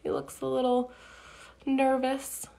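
A woman in her thirties with a high, gravelly voice reads a picture book to young children from her living room, speaking slowly and deliberately in an animated, sing-song way with friendly asides. A phone or webcam at arm's length captures her, along with a little hiss or hum.

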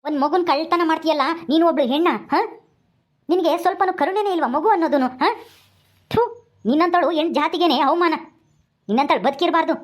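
A woman playing an indignant young father, high voice, fast pleading speech, village family drama. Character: young father, angry at the kidnapper.

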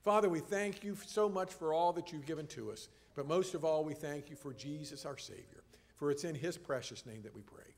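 Man, pastor, church prayer, earnest, measured, slightly high voice, reverberant sanctuary. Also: creaky. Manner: earnest, measured, warmly formal.

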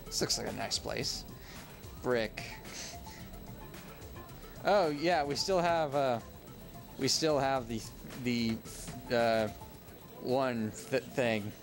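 A man's voice: medium pitch, takes it slowly, creaky, pauses often, over music. A young man giving casual commentary on a game he is playing, rambling and often correcting himself mid-sentence. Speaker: let's play gamer. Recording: home recording with noise.

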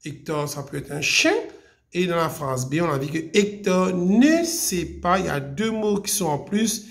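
A woman teacher explains a grammar lesson at an unhurried pace. Her voice has a gravelly edge and a lively, rising and falling pitch. She repeats key points patiently.

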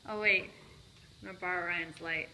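A woman's voice: lowish voice, fairly even intonation, moderate pace, bright, forceful tone, slight background noise. A woman in her thirties, chatty and playful, giving a casual vlog tour of her empty new house, filmed on a handheld phone camera. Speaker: vlogger. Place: large empty house, indoors. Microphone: phone camera at arm's length. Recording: echoey empty room.

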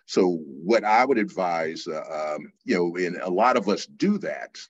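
An older man from California, a teacher answering interview questions in a measured, explanatory way with frequent fillers. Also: sits low, lively intonation, dry recording, dull audio. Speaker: guest teacher.

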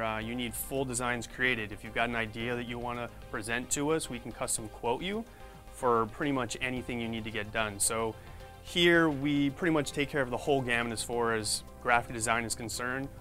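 A man of middle pitch leads a walkthrough of a print shop, chatting in a loose, conversational way. Faint music sits beneath his voice. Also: a bit bright. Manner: easygoing, conversational with "you know" fillers. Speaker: tour guide. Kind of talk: casual walkthrough.

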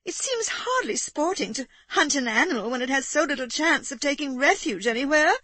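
A woman reading aloud, voicing an excitable upper-class lady in shrill, breathless exclamations. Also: brisk, no room sound. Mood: anxious objecting.

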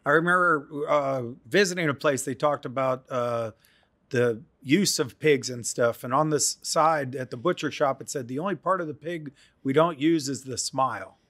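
A man's voice: mid-range voice, normal speed, fairly bright tone. A middle-aged man hosting a casual interview, chatty and joking, into a studio microphone. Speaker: host. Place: podcast studio. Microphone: studio mic on boom arm.

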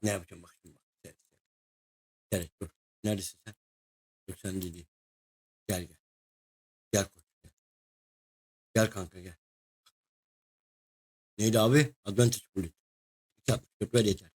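A young man giving casual, excitable commentary while playing a game, chatting to the creatures and a co-player. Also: fairly low pitch, normal speed, pauses often, breathy edge. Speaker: gaming video host. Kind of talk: casual let's-play commentary.

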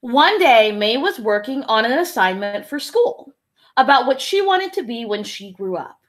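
A young woman reading a children's storybook aloud like a teacher, in an expressive, deliberate storytelling manner. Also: fairly high pitch. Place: small indoor room with classroom decorations. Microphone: webcam or laptop at arm's length.

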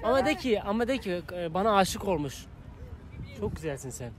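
Fast, high-voiced cheeky young man. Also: sing-song. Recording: busy outdoor street noise, passing crowd.

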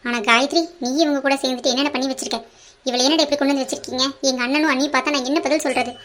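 A stern middle-aged cartoon mother, voiced by a woman, scolding her grown children with quick, reproachful words. Her voice sits high and the words tumble out fast. A faint hiss hangs under it. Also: steady tone, a bit bright. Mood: angry scolding. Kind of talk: cartoon voice acting.

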